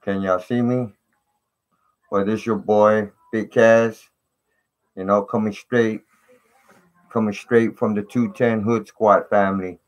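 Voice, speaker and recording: A man's voice: lowish voice, little pitch movement, measured pace. Man chatting on a distorted live stream. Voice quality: distorted, fuzzy sound. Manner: slangy, repeats "man" and "you know". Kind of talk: casual live stream chat, greeting viewers.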